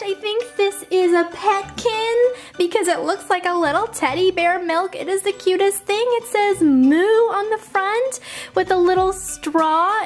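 A woman hosting a toy unboxing, gushing and cooing as she opens each little figure. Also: very high voice. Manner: gushing, cooing over tiny toys. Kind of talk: excited toy unboxing chat.

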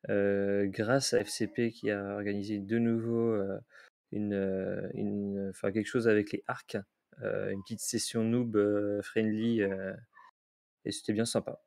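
A man on a podcast panel talking casually about what he has been playing, in a low-key, hesitant way. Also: level tone, measured pace, vocal fry, a little mellow, no room sound, clean studio sound. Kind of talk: casual gaming chat.

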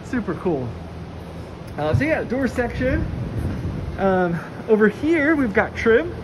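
A woman's voice: on the high side, big pitch swings, takes it slowly. A woman casually guiding a walking tour through a large warehouse, chatty and enthusiastic with many fillers. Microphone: handheld phone camera, walking. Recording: noisy warehouse ambience.

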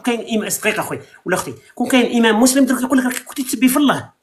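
Algerian live host, high voice, rattles off arguments very fast, lecturing tone. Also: male voice, lively intonation, a little hiss or hum. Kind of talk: heated live debate.

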